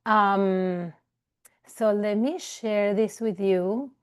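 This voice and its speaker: This woman's voice is smooth and medium-pitched, with fairly even intonation and an extremely slow pace. A clinical psychologist from Venezuela, she gives a webinar presentation by video call in a loose way, filled with fillers and restarts.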